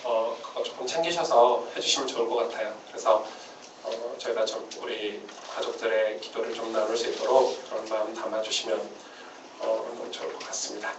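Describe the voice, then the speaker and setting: A man preaches at a Friday church service in an easy, conversational way, filling pauses with "uh" and restarting sentences. He sounds set back from the microphone in an echoey sanctuary. The phone recording is dull and muffled, with faint room noise behind him. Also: lowish voice, fairly even intonation, far from the mic. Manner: conversational, frequent "uh" fillers and restarts. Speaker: pastor. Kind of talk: casual sermon at a Friday service.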